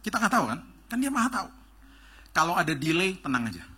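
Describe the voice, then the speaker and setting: Pastor, male, bright voice, a touch husky, animated storyteller. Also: high-pitched, fast talker. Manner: animated, acts out dialogue with rising excitement. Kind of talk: storytelling sermon. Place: church stage.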